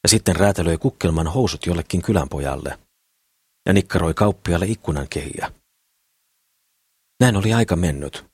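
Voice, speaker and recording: A man narrates an audiobook in a calm, steady storytelling voice. His tone sits very low with a husky grain. The recording is close and dry, with no room sound. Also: pauses often, no room sound. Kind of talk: scripted narration.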